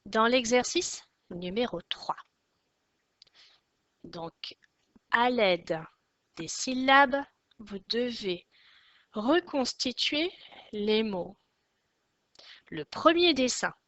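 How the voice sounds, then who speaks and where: Slow, bright-voiced woman teacher. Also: on the high side, lively intonation, dry recording. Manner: slow and deliberate, stressing each word loudly. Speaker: primary school teacher. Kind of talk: slow, careful recorded reading lesson. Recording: dry, dull lo-fi recording.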